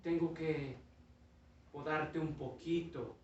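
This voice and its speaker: A man voicing a calm, firm master who speaks slowly and low, asking for sacrifice. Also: recorded from a distance, a little hiss or hum. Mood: pausado. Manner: slow, low, measured. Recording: echoey dull church sound from afar.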